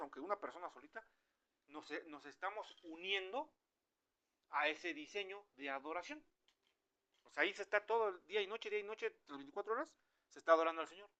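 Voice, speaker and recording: A man with a Mexican Spanish accent preaching an informal, conversational sermon, animated and acting out the voices of the people he quotes. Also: high voice, brisk, lo-fi sound.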